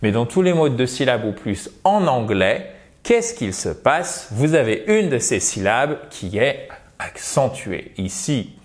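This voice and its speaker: A man giving a lively video lesson, speaking straight to viewers and sounding out English words slowly. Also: mid-range voice. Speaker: English teacher.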